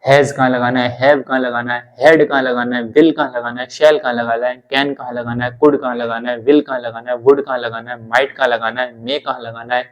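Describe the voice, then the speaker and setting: A man's voice: medium pitch, level tone, brisk, hardly any pauses, rough recording. A man teaching English grammar in a classroom lesson, repeating terms and reassuring learners. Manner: repetitive, reassuring explanations.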